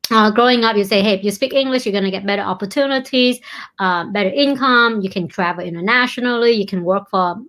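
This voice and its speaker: A woman's voice: medium pitch, fast talker, fairly bright tone. A woman from Vietnam with a Vietnamese accent, a company founder speaking as an interview guest, earnest and often repeating words as she searches for them.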